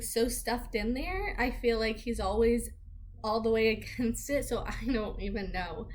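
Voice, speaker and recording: A young woman talks in a casual, rambling vlog style. Her voice sits slightly high, and she is chatty and informal, dropping in "like" often. There is a bit of background noise and room ambience behind her. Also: fairly bright tone. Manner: chatty and informal, heavy use of "like". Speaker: vlogger giving a pregnancy update.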